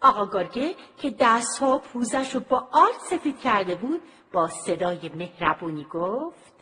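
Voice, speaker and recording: Lively woman telling a children's story. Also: fairly high pitch. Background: music.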